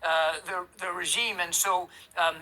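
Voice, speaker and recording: A man, a retired navy officer, answering in a measured news interview with many fillers. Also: high voice, fairly even intonation, a crowd in the background, poor audio.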